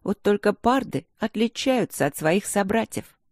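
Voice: medium pitch, animated, moderate pace, no room sound, clean studio sound, voice pushed up. A narrator voicing a young, proud female werepanther student in a fantasy audiobook, sassy and indignant. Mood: earnest. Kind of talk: audiobook character voice.

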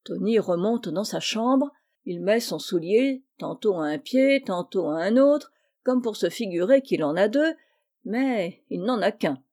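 A woman narrating a classic children's story as an audiobook, in a measured, expressive manner. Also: mid-range voice.

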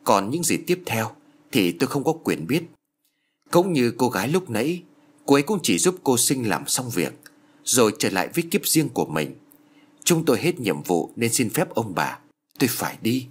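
A man voicing a solemn old male spirit messenger who speaks in a measured, grave way. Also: medium pitch, very animated, husky.

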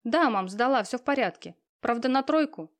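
A woman's voice: a little high, lively intonation, moderate pace, pitched above the performer's own voice, lightly acted. A woman reading a flustered young student. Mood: anxious. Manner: hesitant, anxious. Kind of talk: audiobook character reading.

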